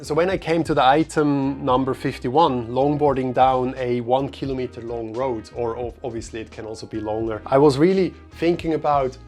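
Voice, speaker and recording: A young man who grew up in Switzerland, telling a story in a relaxed, chatty vlog style with many fillers. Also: mid-range voice. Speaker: vlogger. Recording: faint music behind.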